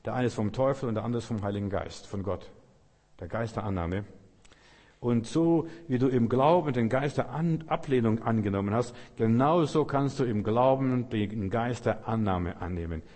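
A male preacher giving a fervent sermon, dropping to soft murmurs and rising to loud outbursts. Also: mid-range voice, normal speed. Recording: long hall reverb.

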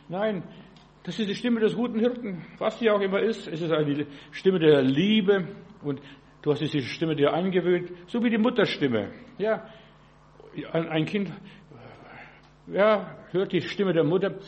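A man giving a sermon in a folksy, halting way, often asking "verstehst du" and restarting words. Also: a little high, darkish tone. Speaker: preacher.

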